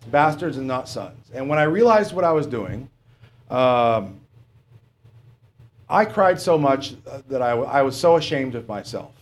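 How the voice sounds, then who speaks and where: Animated and medium-pitched, a middle-aged man preaches a sermon in a plain, stop-and-start way, pausing on fillers and posing rhetorical questions.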